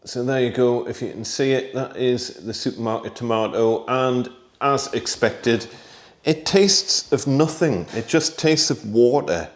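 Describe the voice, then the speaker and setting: A British man hosting a casual gardening vlog, chatty and relaxed, thinking aloud with small asides and talking while he tastes food. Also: medium pitch, moderate pace. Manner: talks while tasting food. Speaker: gardening vlogger.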